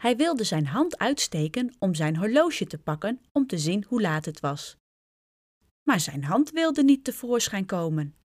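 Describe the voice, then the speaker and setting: A woman's voice: medium pitch, big pitch swings, unhurried, a little mellow, no room sound, studio quality. A woman reading a children's storybook aloud, speaking directly and expressively to young listeners.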